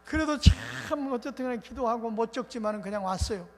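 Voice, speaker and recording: A male pastor preaching a revival sermon in an animated, colloquial storytelling way. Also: very high voice, fairly quick. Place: church sanctuary. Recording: reverberant church hall with faint noise.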